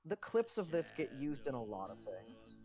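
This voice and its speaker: Lively, teasing co-host with mid-pitched voice. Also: moderate pace, over music. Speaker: reaction show co-host. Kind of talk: casual reaction chat over an animation.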